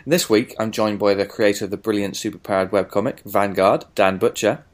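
A man's voice: fairly low pitch, fairly even intonation, a little fast. A British man hosting a podcast, mixing scripted introduction with casual chat in a jokey, theatrical way. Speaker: podcast host.

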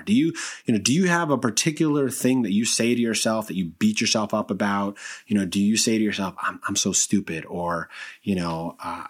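A man with a somewhat low, breathy, husky voice hosts a self-help podcast. He talks in an encouraging, unscripted way and often circles back to restart a phrase. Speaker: podcast host.

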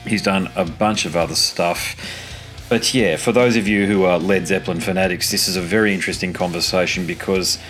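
Low-pitched Australian man hosting a podcast. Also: fairly even intonation, fairly quick, a bit bright, faint music behind. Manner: matey, informal. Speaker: podcast host and interviewer. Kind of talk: conversational podcast talk.

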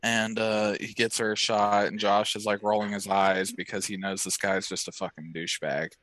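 Low, bright-toned casual man. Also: little pitch movement, normal speed, no room sound. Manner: laid-back, profane, says "bro" and "like" a lot. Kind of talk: casual chat, improvised storytelling.

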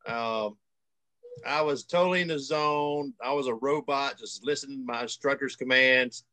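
A man chatting in a relaxed, easygoing way about learning to fly. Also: mid-range voice, normal speed. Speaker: paramotor pilot. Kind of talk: casual chat.

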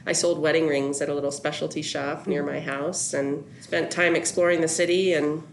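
A woman's voice: deep voice, steady tone, moderate pace, a little hiss or hum. A woman from Colorado, a business owner answering interview questions lightly and laughing easily. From Colorado, USA. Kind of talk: conversational interview.

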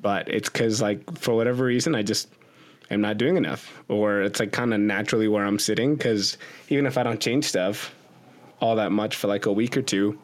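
A man's voice: lowish voice, moderate pace. A man co-hosting a podcast in casual chat, full of "like" and "you know", who acts out the body talking to itself. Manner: loose and chatty, lots of "like" and "you know", acts out the body's inner voice.

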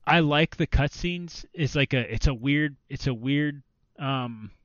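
A man chatting casually on a podcast, rambling and filling his sentences with "like". His voice is smooth and clean, recorded dry and a little dull. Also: mid-range voice, a little slow, fairly bright tone, dry recording. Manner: rambling, filler-heavy, restarts often. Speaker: podcast co-host. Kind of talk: casual chat about video games.

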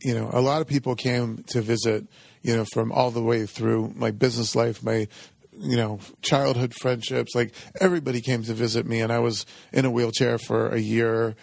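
Middle-aged man with a gravelly, creaky voice. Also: medium pitch, fairly even intonation, darkish tone, no room sound. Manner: halting, informal, frequent "you know". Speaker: interview guest, company executive. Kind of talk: reflective personal storytelling in conversation.

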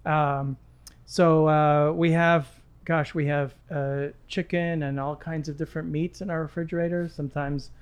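In this casual chat, a guest in his sixties from Lebanon, who is also a gym client, talks in a friendly, wandering manner and often restarts. He speaks at normal speed in a slightly high, level, clean-toned voice.

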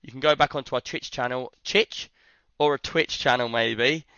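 A British man hosts a casual livestream with a hoarse, worn-out voice. His tone is bright and forceful. The audio is dry and slightly dull. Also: medium pitch, normal speed, no room sound. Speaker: livestream host.

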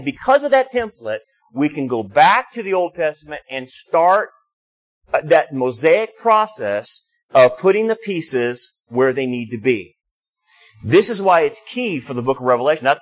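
Male pastor, fairly high voice, teaching sermon, explains and restarts often. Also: poor audio.

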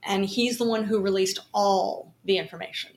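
A woman's voice: medium pitch, fairly even intonation, moderate pace. A woman co-hosting a casual podcast, chatting about the news with frequent fillers and laughs. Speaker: podcast co-host.

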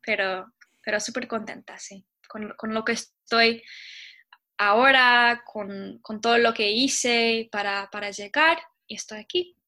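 A young woman with a Chilean accent, chatting casually in an interview and talking quickly, like a little bird. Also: on the high side, pushed and bright. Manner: talks fast, like a little bird. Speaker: interviewee, Spanish teacher. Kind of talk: casual conversation.

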